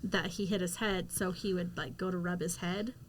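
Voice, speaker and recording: Woman chiming in over faint rumble. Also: fairly even intonation, normal speed. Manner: chimes in with supportive details, lots of "like". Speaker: co-host, wife of the host. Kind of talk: casual podcast chat.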